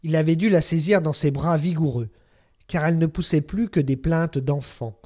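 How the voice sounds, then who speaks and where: Man reading a novel aloud, measured and expressive. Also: on the high side. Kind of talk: scripted literary narration.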